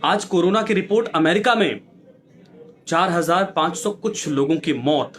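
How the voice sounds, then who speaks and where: Impassioned male news anchor, fairly high voice. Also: a bit bright. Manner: preachy, exhorting, rhetorical questions.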